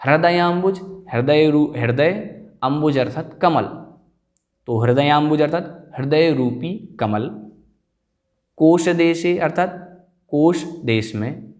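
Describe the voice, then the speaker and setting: Slow, careful male scripture teacher. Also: a little high, darkish tone. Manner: slow, careful, repeats words for pronunciation. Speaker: religious teacher. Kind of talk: scripture recitation class.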